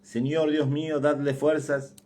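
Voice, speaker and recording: A man with an Argentine accent voicing a priest who speaks softly and solemnly at a deathbed. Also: on the high side, level tone, unhurried, lightly acted. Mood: gentle solemn. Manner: soft, solemn, kindly. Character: gentle elderly priest at a deathbed.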